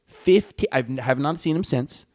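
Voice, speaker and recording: A man's voice: medium pitch, normal speed, no room sound, clean studio sound. A man guesting on a podcast, telling a story in casual chat and acting out the voices of the people in it. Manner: animated storyteller, acts out quoted voices loudly.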